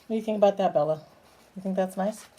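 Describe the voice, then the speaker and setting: Reading a children's picture book, a woman speaks at medium pitch with a dark tone. She never rushes, and between pages she chats with a bird, asking it gentle, simple questions.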